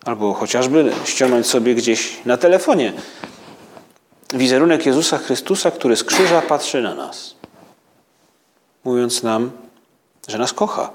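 A man's voice: mid-range voice, expressive, a little hiss or hum. Reflective man preaching a meditation. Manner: slow, halting, reflective. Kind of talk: spiritual meditation.

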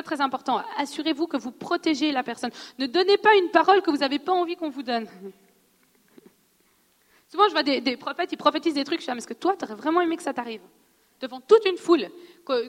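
Woman preaching with an accent, high-pitched. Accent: non-French accent in French. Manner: animated, conversational, laughs often, asks questions. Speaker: preacher teaching on prophecy. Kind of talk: sermon teaching. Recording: long hall reverb.

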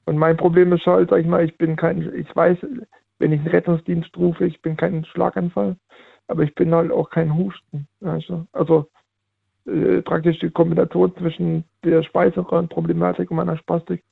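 Male caller on a phone line, fairly high, husky and heavily gravelly, halting. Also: flat delivery, dry recording. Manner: halting, repeats himself. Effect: over the phone. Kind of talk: call-in chat.

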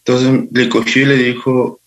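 A man guest recounting personal experiences in a halting, unhurried way. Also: medium pitch, flat delivery, a bit bright. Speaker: interview guest. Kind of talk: personal storytelling.

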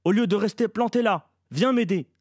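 A man's voice: high-pitched, slow, darkish tone, no room sound, studio quality, voice pushed up. A man voicing a stubborn young boy who protects his mother, speaking in a raised, urgent voice. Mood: shouting.

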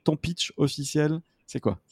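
A man from France hosting a business podcast, joking and energetic as he interviews a founder. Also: on the high side, unhurried, slightly rough, dry recording. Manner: jokey, energetic, self-mocking. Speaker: podcast host.

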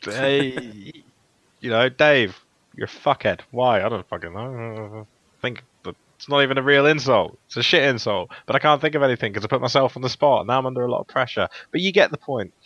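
A man's voice: mid-range voice, fairly quick, fairly bright tone, no room sound, dull audio. A man co-hosting a podcast, joking and swearing freely in casual chat. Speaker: podcast co-host.

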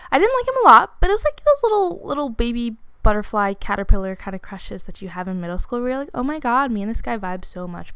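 A woman's voice: mid-range voice, fairly bright tone, clear, resonant tone, dry recording. A woman in her twenties telling a personal story in a casual, chatty way, with lots of "like" fillers and laughs slipped in. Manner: chatty, many "like" fillers, laughs while talking.

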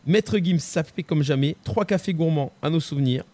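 Chatty French host with a raised voice. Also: male voice, fairly high pitch, normal speed, warm tone. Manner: chatty, repeats himself, many fillers. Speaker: host running a song quiz and prank calls. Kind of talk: lively live-stream chat.

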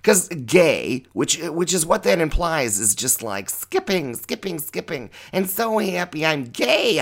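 A man's voice: on the high side, creaky, a bit bright. A middle-aged man hosting a podcast as a drag queen, giving a rambling, tangential, profane monologue. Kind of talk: opinionated monologue.

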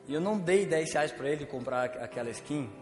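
A man's voice: fairly high pitch, lively intonation, fast talker. Casual Brazilian male pastor in echoey hall. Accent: Brazilian Portuguese. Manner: casual slangy storytelling with humor. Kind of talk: sermon. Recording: echoey church hall with faint music.

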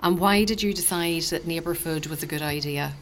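A woman's voice: sits low, brisk, a little hiss or hum. A woman putting questions as an interviewer.

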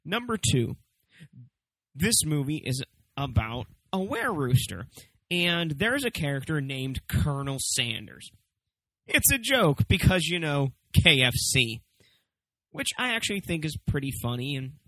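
A man's voice: medium pitch, bright, forceful tone, dry recording, low-quality recording. A man hosting a casual, comedic review, talking emphatically and swearing freely as he stresses his points. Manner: emphatic, profane, swooping for stress. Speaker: movie review show host.

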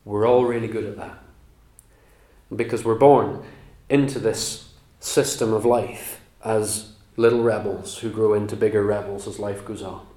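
A man preaching a sermon, teaching the Bible in an earnest, emphatic way with measured pauses. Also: fairly low pitch, steady tone, mellow. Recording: roomy echo.

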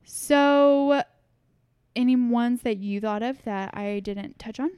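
A woman's voice: a little high, takes it slowly, a little mellow, smooth, no echo. A young woman co-hosting a podcast, chatty, upbeat and teasing in casual talk. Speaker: podcast co-host. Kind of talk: casual chat.

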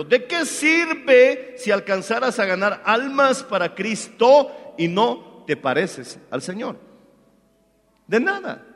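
A male pastor preaching a sermon, fervent, swinging from shouted praise to hushed asides. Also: sits high. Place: church hall. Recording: hall reverb with faint music.

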